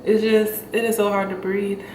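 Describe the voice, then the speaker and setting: Here a young woman vlogs casually, her mid-range, darkish voice moving little in pitch at a normal speed, with plenty of laughs and filler words. Congestion and breathlessness come through. The recording is noisy and echoey, with the mic well away from her.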